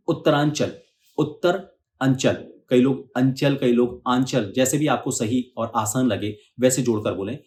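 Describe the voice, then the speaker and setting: A man of middle pitch leads a pronunciation lesson. He says each difficult word slowly several times, pulling the syllables apart. His explanations are calm and instructive, with light fillers. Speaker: speech coach and channel host. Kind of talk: pronunciation lesson with slow, drawn-out example words.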